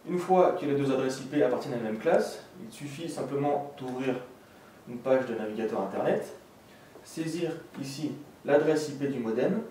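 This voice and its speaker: In an echoey indoor room with a desk and a green backdrop, a man methodically walks through a technical tutorial one step at a time. His voice is dark and medium-pitched at a moderate pace, picked up by a distant mic with faint noise.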